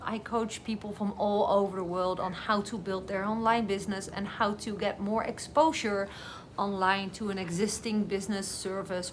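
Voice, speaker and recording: A woman's voice: mid-range voice, fairly bright tone, slight background noise. A woman from the Netherlands, chatting casually and rambling on a live video while a bit groggy from painkillers. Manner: chatty, rambling, with many fillers. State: groggy on painkillers after dental work. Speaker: vlogger and online business coach. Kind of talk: casual live-stream talk. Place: home, with dogs nearby.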